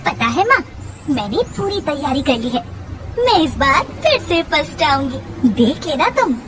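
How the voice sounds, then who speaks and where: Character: a crazed pregnant schoolgirl, played by a woman. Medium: animated story. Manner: singsong, taunting, pleading like a child. Pitch: very high. Range: very wide. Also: a little slow, background noise. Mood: childlike pleading. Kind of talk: Hindi cartoon story voice acting.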